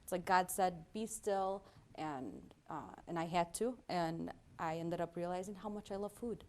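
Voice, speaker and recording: A woman in her forties appears as a guest on an interview show, chatting casually in a warm, earnest way and leaning on frequent fillers. Her voice is lowish and steady, at a moderate pace.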